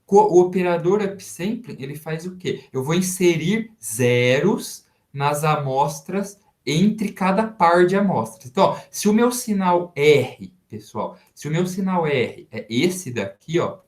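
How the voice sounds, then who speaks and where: A man with a Brazilian Portuguese accent, a university professor giving a recorded math lecture and working through each step slowly with rhetorical questions to his students. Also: on the high side, lively intonation, darkish tone. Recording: roomy echoey sound.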